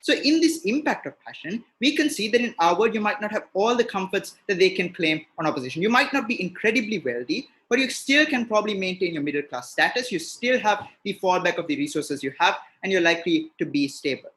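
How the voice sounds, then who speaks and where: A man's voice: high voice, animated, brisk, hardly any pauses, a bit bright. A man delivering an emphatic, rhetorical opening speech in a competitive debate over a video call. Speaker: debate speaker.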